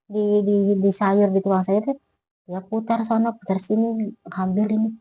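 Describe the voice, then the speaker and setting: A woman's voice: medium pitch, level tone, moderate pace, mellow, dry recording, rough recording. A middle-aged woman recounting an eerie personal experience in a loose, chatty way, slipping into the voices of the people she quotes. Her voice sits in an ordinary middle register and is recorded close and dry, with no room sound. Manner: chatty, acts out quoted dialogue, many fillers like gitu. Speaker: storyteller sharing a personal ghost story. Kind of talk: casual spoken storytelling.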